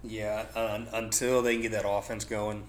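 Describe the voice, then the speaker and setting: A man co-hosting a casual sports talk show, measured and stumbling over his words. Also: fairly low pitch, level tone, slight background noise. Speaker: podcast co-host.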